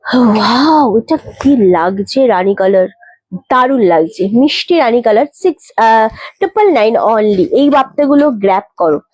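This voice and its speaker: Woman, Kolkata Bengali accent, high voice, dry close sound, chatty live-stream sales pitch. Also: very animated, a little mellow, no echo. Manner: chatty, urging viewers to book fast, talks to helpers and viewers between pitches. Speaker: saree seller on a live stream. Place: boutique shop.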